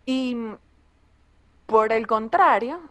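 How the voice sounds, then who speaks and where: A young woman comedian with a Venezuelan accent, talking casually and bluntly, swearing freely in a relaxed conversation. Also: fairly high pitch. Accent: Venezuelan Spanish. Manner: blunt and profane, quick asides.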